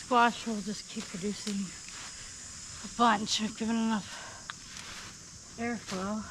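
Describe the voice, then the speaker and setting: A woman walks her vegetable garden outdoors, a bit out of breath, chatting candidly and rambling with plenty of ums. Her voice sits at an ordinary middle pitch. Faint crickets and insects buzz softly behind her. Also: little pitch movement, takes it slowly, background noise. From South Dakota. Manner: rambling, candid, with many fillers. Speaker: gardening vlogger. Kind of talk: casual garden update chat.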